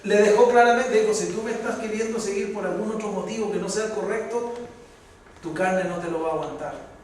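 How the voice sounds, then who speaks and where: A Chilean man preaching a sermon as pastor, his voice rising to loud, fervent peaks. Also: sits high, fairly quick. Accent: Chilean Spanish. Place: church hall. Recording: echoey hall from far off, faint noise.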